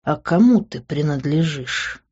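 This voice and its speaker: A woman voicing a sullen, irritable young man who answers in a low, gruff, curt voice. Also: measured pace, darkish tone, muffled recording.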